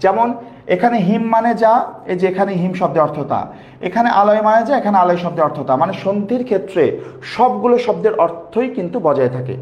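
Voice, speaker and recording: A man's voice: sits high, expressive, quick pace, darkish tone, dull audio. Male bangla grammar teacher, bangladeshi accent, asks questions then answers them, echoey room. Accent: Bangladeshi Bengali. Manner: repeats key terms to drill them in. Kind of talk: classroom lecture on grammar. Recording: roomy echo.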